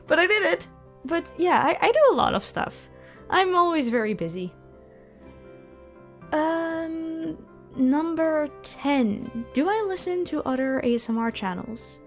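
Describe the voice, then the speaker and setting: Her voice is high-pitched with lively intonation, and she takes her time. The speaker, a channel host who makes audio roleplays, chats animatedly and self-deprecatingly with listeners as if answering their questions. Background music accompanies her.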